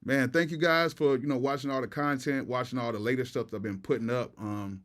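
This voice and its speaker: An American man chats casually as a livestream host, his speech slightly altered by the retainers he is wearing. His pitch sits in a middle male range. He talks in slang and often repeats short phrases. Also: fairly even intonation, fairly quick. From Tampa, Florida. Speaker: livestream host and music producer.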